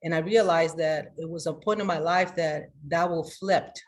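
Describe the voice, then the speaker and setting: Giving a live pep talk to her online group, a female life coach is emphatic and energetic, frequently restarting and switching between loud hellos and a soft, confiding manner. She speaks in a low, steady tone at a moderate pace.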